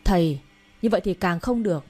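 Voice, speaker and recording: A woman's voice: lowish voice, brisk, warm tone, lightly acted. A woman reading the part of a stubborn young man, a village doctor, insisting and pleading with his father. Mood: insistent.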